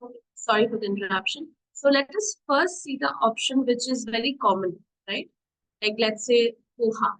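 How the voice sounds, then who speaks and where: Speaking through her computer mic on a video call, a young woman with an Indian accent coaches people on diabetes nutrition in a webinar that switches between English and Hindi. She is chatty and encouraging, putting questions to her audience at a moderate pace in a slightly high voice. The recording quality is low.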